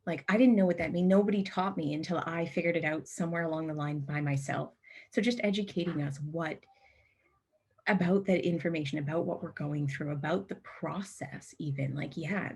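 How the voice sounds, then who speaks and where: A woman, a patient partner, reflecting on her hospital experience in an interview, pausing often with "um". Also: sits low, darkish tone, breathy edge. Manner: thoughtful, frequent "um" pauses.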